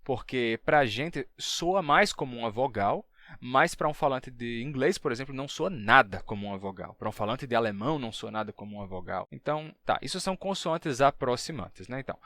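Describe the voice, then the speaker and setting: A man of middle pitch teaching phonetics in a video lesson. He explains patiently and pauses to sound out example syllables slowly. The recording is close and dry. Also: fairly bright tone, no room sound. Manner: demonstrates sounds by repeating them slowly. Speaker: linguistics educator.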